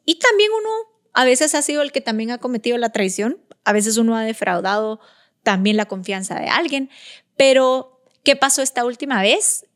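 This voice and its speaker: Higher-voiced woman giving devotional testimony. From Guatemala. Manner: earnest, emotional storytelling with acted prayers. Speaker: podcast host.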